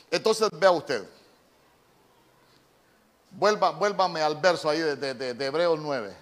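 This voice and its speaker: Man, pastor, sermon; slow, measured, repeats words; slightly high voice. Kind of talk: sermon with Bible word study.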